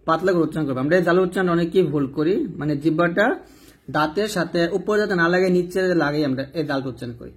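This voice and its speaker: A man teaching Quran reading in Bengali, spelling letters and vowel marks syllable by syllable and chanting the verses slowly. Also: on the high side, fairly bright tone. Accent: Bangladeshi Bengali.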